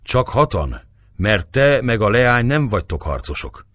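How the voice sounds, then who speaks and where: A man's voice: mid-range voice, sing-song, no echo, voice pushed up. A man voicing a bold, defiant male soldier who barks taunts and orders in an audiobook. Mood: gruff. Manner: loud, taunting shouts.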